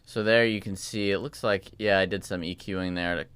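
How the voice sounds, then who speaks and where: A man's voice: deep voice, steady tone, normal speed, heavy background noise. A man casually walking through his own mix in a tutorial, thinking aloud in a loose, rambling way. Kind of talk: casual screen-share tutorial. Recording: voice over loud music playback.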